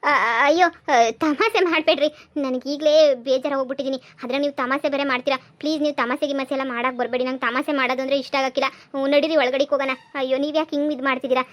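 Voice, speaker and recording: Woman playing a sharp-tongued village wife. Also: sits high, steady tone, fast, dull audio. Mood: bewildered. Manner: taunting, scolding, exclaims often. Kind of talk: village comedy skit.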